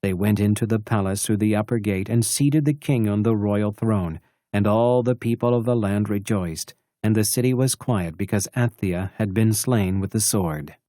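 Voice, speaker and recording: Calm, mellow-voiced male Bible reader. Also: lowish voice, no room sound, clean studio sound. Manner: measured, even, carefully pronounced. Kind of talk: slow scripted scripture reading.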